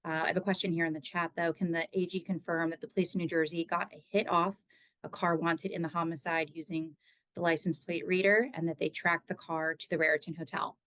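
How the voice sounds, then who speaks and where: A woman's voice: fairly low pitch, level tone, fairly quick, a bit bright, dry recording, low-quality recording. A woman moderating a press briefing, reading out reporters' questions in a polite, businesslike way.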